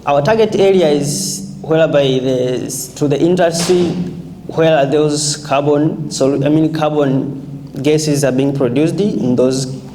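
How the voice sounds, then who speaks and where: Mellow Tanzanian man giving a student presentation. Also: fairly high pitch, slow pace, slight background noise, low-quality recording. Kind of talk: classroom presentation.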